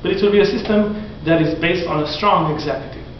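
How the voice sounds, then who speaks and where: A man in his forties lectures a classroom from in front of a whiteboard, animated and gesturing, with a high, brisk voice that keeps restarting sentences. A distant camera mic catches him, so the sound is echoey, dull and lo-fi, with slight background noise.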